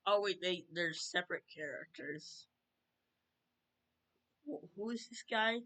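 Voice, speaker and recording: A commentator talks over a video in a slow, unhurried way with a bright, forceful voice. The remarks are baffled and sarcastic, full of questions about what is on screen. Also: medium pitch.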